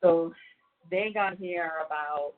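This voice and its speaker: A woman's voice: on the low side, slow pace. A woman talking on a prison payphone call, rambling casually with many fillers. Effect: heard over a prison payphone call. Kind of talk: casual phone chat. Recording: tinny phone line.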